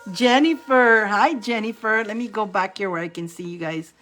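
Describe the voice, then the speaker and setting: A woman's voice: mid-range voice, moderate pace, a bit bright. A bubbly, giggly woman hosting a tarot livestream, chatting casually with her viewers. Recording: light music in the background. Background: background music.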